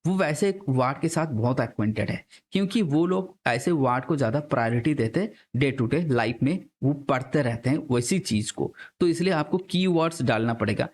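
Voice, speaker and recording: A man's voice: medium pitch, animated, fairly quick, few pauses. Chatty male teacher lecturing exam students. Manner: conversational, mixes English terms, asks students rhetorical questions. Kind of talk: classroom lecture.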